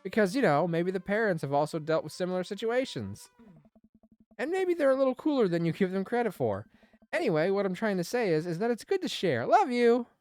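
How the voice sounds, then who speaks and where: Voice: medium pitch, big pitch swings, a little fast, darkish tone, no room sound, faint music behind. A streamer playing a dating game, reading the dad's lines and making chatty, rambling asides. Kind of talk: let's play commentary and reading.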